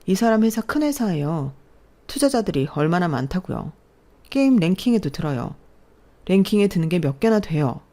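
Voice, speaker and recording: A woman's voice: on the low side, sing-song, moderate pace, dark tone, pitched above the performer's own voice. A woman voicing a resentful grown daughter arguing heatedly with her parents. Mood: defiant. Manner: defiant, heated.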